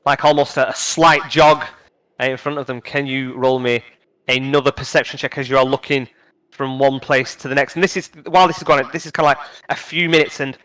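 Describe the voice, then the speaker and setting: A man narrating as game master of a tabletop game, halting with many fillers and restarts. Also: mid-range voice, steady tone, fairly bright tone, poor audio.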